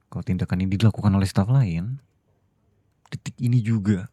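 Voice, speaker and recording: A man voicing a stern boss who is also a doting husband, in a whispered role-play that goes from cold scolding to soft pleading. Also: sits low, no echo. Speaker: voice actor.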